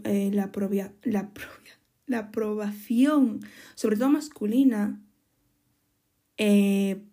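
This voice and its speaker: A woman's voice: a little high, warm tone. A young woman with a Spanish accent from Spain, hosting a casual podcast monologue in a frank, chatty way, often restarting and correcting herself. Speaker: podcast host.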